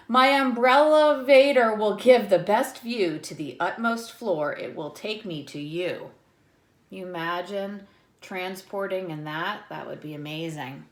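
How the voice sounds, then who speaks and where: Reading a children's picture book aloud the way a teacher would, a woman delivers the story expressively and adds brief explanations for her young audience. Her voice sits in the mid range, and she never rushes.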